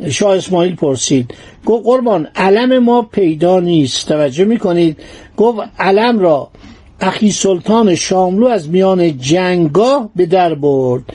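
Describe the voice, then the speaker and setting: A man telling a historical story in a lively way, mixing old formal phrasing with casual speech. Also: high voice, husky.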